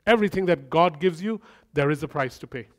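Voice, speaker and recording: Delivering a sermon in an easygoing, chatty manner, a man with a rather high voice talks fairly quickly. He tosses in funny asides and drives his points home through repeated phrases.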